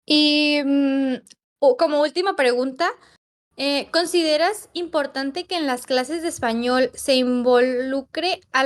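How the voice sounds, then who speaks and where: A young woman with a high voice, studying language teaching, casually talks through an analysis of a class. She's thoughtful and reflective, hedging her points and using lots of fillers.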